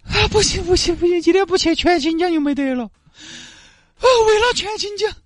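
A man voicing a frazzled, stubborn working woman with a Sichuanese accent who talks in shrill, wailing pleas. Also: normal speed, dry recording, studio quality. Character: frazzled stubborn woman worker, desperate for attendance bonus.

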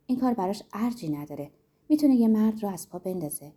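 A man's voice: sits high, lively intonation, mellow, breathy edge. A woman voicing a proud, homesick young man who speaks earnestly and insistently in a story. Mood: earnest, indignant.

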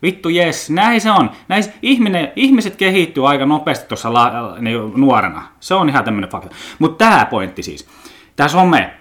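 A man's voice: on the high side, expressive, a bit bright. A man with a Finnish accent hosting a podcast, rambling casually in a blunt, joking way, swearing often and tripping over his words. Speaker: podcast host.

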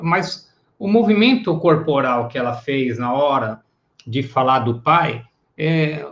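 A man with a somewhat high voice gives a live-streamed psychoanalysis lecture and keeps asking his viewers whether they follow. The sound is roomy and echoey, and the audio is dull and lo-fi. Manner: explanatory, greets viewers by name, tag questions. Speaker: psychoanalysis teacher.

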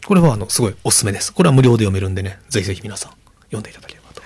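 Casting: husky Kansai-accented male host, animated pitch, relaxed casual talk. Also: very fast. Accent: Kansai Japanese. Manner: animated, acts out quoted lines in a higher voice. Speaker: podcast host. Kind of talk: casual chat.

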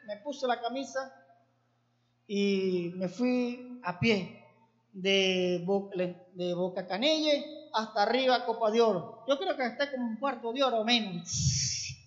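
A man's voice: very high voice, measured pace. A man, a pastor, giving an earnest, emotional sermon with a personal testimony. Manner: earnest and emotional, building to fervent exhortation. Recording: echoey room, dull lo-fi sound.

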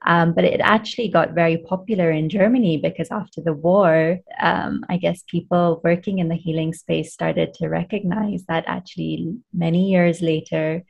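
A woman guest in an interview, a coach explaining her work in a thoughtful, measured way. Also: lowish voice, fairly even intonation, creaky, husky, muffled recording. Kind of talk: conversational interview.

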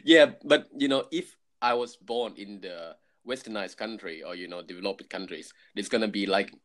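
A man in his twenties with a Thai accent chatting casually, often pausing to search for words. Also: fairly low pitch, fairly bright tone. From Thailand. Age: 20s. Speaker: conversational co-host. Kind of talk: casual chat.

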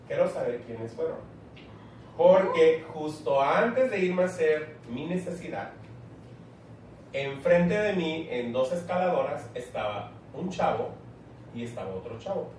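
A young Mexican man co-hosting a casual chat, telling a slangy, animated story. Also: a little slow. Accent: Mexican Spanish. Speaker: co-host. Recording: echoey room, far from mic, faint rumble.

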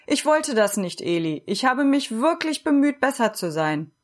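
A woman's voice: a little high, sing-song, normal speed, voice pushed up. A woman reading a storybook aloud and voicing a small, timid wooden puppet boy who sounds anxious and pleading.

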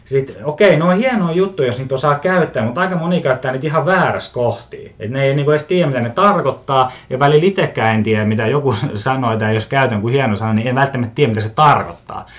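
A man's voice: mid-range voice, hardly any pauses. A man hosting a casual solo podcast, rambling through his pet peeves in a self-mocking, grumbling way, often restarting his sentences and chuckling to himself. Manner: mimics other people's voices for comic effect. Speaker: podcast host.

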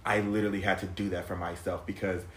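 Flat and quick, a low-voiced man in his thirties recounts a painful personal story as a podcast guest. He rambles emotionally, swears freely, and keeps restarting and using fillers. The recording has an echoey room sound.

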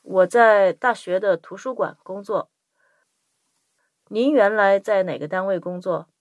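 A woman acts as a courteous young female intern in a language-lesson dialogue. Her pitch sits in the middle for a woman. The sound is dry and close, with a polite, scripted delivery. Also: measured pace, no room sound, natural voice. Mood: polite, welcoming. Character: polite young Chinese American woman intern greeting a visitor.

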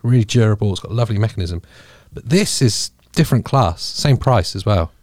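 Lively low-voiced joking man. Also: fairly quick, no echo, studio quality. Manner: joking, laughs often, trailing restarts. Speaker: podcast co-host. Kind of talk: casual chat. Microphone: studio podcast microphone.

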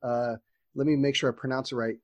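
A man co-hosting a podcast interview, excitable and slangy, loose with fillers and restarts. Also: mid-range voice, fast talker, no echo. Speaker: podcast co-host.

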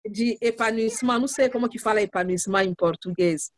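A woman from Congo with a French accent, speaking Portuguese as a guest on a podcast, halting and searching for words, often checking in with the listener. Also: on the high side, slight background noise. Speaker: guest, lawyer and activist. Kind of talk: podcast interview.

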